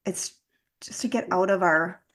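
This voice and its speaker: A young woman with a Minnesotan accent, chatting as a podcast guest, chatty and quick to laugh. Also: on the low side. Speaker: guest, business coach. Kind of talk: casual interview chat.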